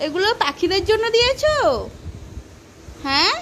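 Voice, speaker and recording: Mother, very high voice, sing-song coaxing tone with a toddler, faint background noise. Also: sing-song, normal speed, fairly bright tone. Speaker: mother filming her child. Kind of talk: casual chat with a child.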